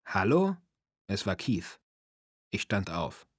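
A man narrating a memoir as an audiobook in a calm, even storytelling manner. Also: on the low side, moderate pace, husky, no room sound, clean studio sound.

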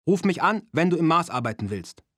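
A man voicing a gruff, brisk male club owner with a broad Japanese accent, speaking in rumbling, clipped phrases as audiobook dialogue. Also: sing-song, a bit bright, no room sound, studio quality. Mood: businesslike.

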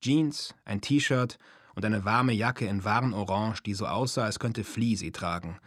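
A man's voice: fairly low pitch, a little slow, a bit bright, no echo. A man reading a first-person story as an audiobook, with a dry, self-mocking manner. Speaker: narrator. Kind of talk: audiobook narration.

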